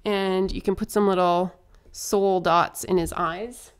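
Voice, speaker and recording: A young woman chatting her way through a face painting tutorial, upbeat and a little hoarse. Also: medium pitch, fairly even intonation, takes it slowly. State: slightly hoarse.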